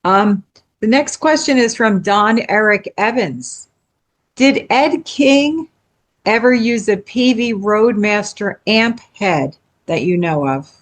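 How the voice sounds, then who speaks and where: A woman's voice: medium pitch, lively intonation, slow pace. A woman in her sixties co-hosting a podcast in casual chat, reading out listener questions and laughing easily. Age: 60s. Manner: reads listener questions, chatty, easy laughs. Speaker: podcast co-host.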